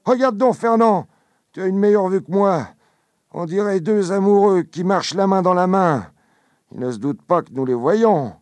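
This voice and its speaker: A man voicing a drunk, loud and jovial tavern friend with a thick, slurred voice. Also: high voice, expressive, normal speed, no echo, pitched above the performer's own voice. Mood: boisterous.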